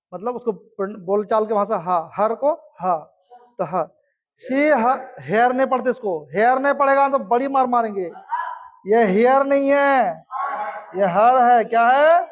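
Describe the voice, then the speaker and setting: A young man teaching an English grammar class, drilling students with stern mock threats. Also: very high-pitched. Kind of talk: classroom lesson, call-and-response drilling. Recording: dull lo-fi recording.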